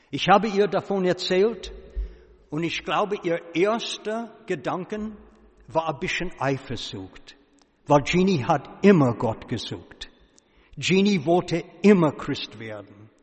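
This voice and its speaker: A man telling his life story as a personal testimony, dropping his voice low at serious moments. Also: breathy edge. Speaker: speaker giving a personal testimony. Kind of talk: slow personal testimony before an audience. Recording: reverberant hall.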